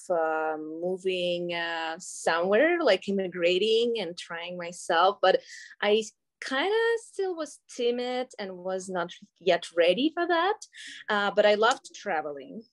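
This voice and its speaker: A woman's voice: mid-range voice, lively intonation, a little slow. A woman in her thirties from Russia with a Russian accent, talking as an interview guest, hesitant with many fillers and frequent laughs. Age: 30s. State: pregnant. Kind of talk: casual interview.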